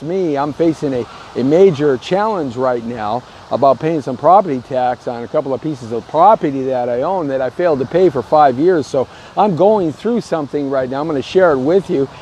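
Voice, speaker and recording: A man's voice: fairly high pitch, warm tone. A middle-aged man hosting a casual real estate vlog while walking outdoors, talking in a chatty, rambling way into an earbud mic. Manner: chatty, rambling, self-promoting. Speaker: real estate show host. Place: outdoors on a downtown street. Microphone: earbud headset mic, phone at arm's length. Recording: faint street noise outdoors. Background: faint city street and traffic noise.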